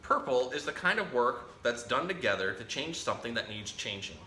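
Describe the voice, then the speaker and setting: In a roomy, echoing space with a little background noise, a man hosts children's storytime at medium pitch and ordinary speed. He reads a picture book with lively expression, talks straight to young listeners, and chats with his pet parrot.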